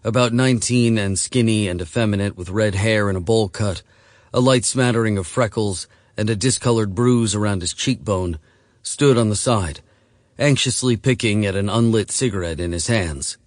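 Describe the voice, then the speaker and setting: Low-voiced male audiobook narrator. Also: normal speed, no room sound, clean studio sound. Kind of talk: scripted narration.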